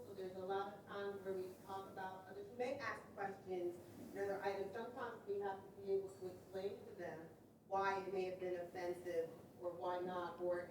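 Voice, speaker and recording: A woman speaks out from the audience at a conference. Her voice is loud and self-assured, her thoughts reflective. She is heard from far off in a booming hall with noise behind her. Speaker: audience member sharing feedback. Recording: echoey room from far off, noisy.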